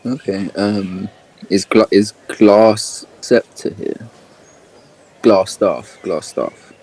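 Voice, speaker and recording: A man's voice: lowish voice, very slow, darkish tone, breathy edge. A man playing a tabletop game on a voice call, casual and thinking aloud with fillers. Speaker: player.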